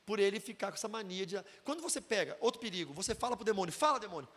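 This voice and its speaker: A Brazilian man, a pastor, giving an animated sermon-style teaching and acting out the voices in his stories. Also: sits high, racing, in a large hall. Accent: Brazilian Portuguese. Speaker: pastor teaching a deliverance seminar.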